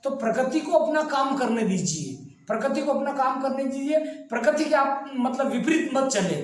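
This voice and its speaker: A man giving a motivational talk, lively and direct, often acting out the complaints of the people he describes. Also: extremely high pitch, moderate pace. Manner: lively, mimics complainers in quoted asides. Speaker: motivational speaker. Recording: very echoey, far from the mic.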